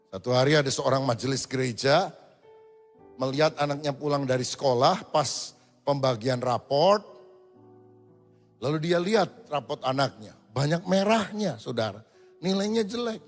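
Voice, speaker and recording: A man preaching a sermon as a pastor, telling lively, humorous stories and acting out the voices in them. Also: a little high, a little slow, pauses often. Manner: lively storytelling, acts out voices in quotes. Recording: reverberant hall with faint music.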